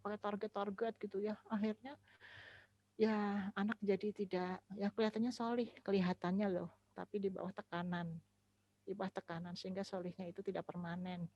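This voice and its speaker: A woman, an Islamic speaker giving a relaxed, chatty talk on raising children, laughing often. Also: mid-range voice, brisk, lo-fi sound.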